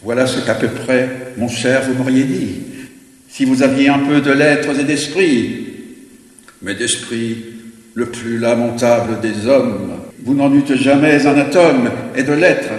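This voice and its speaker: A man playing a witty, proud French gentleman in a theatrical verse monologue, declaiming in a hammy, grandiloquent stage manner with shifting tones. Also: medium pitch, slow pace, lightly acted. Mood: proud, cutting. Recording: very echoey hall, long reverb.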